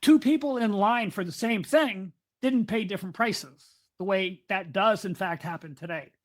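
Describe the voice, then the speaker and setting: Speaking at a normal speed with a medium pitch, this podcast co-host keeps the conversation casual. She lays out her ideas in long explanations and tends to drift off onto tangents.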